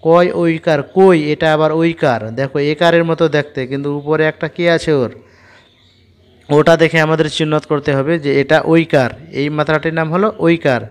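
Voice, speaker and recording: Man spelling out words slowly for children. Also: a little high, steady tone. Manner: spells each word letter by letter, then reads lines slowly. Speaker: teacher.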